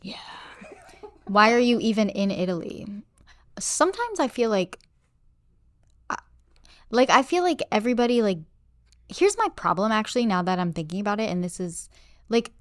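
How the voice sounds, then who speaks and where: A woman's voice: medium pitch, very animated, moderate pace, pauses often, dry recording, studio quality. A young woman co-hosting a podcast, chatting casually and rambling with lots of fillers. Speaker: podcast co-host. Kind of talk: casual chat.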